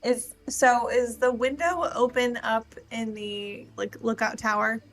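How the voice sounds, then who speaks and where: Female tabletop player, fairly high voice, casual narration of moves. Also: steady tone, unhurried. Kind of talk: casual game play, describing actions.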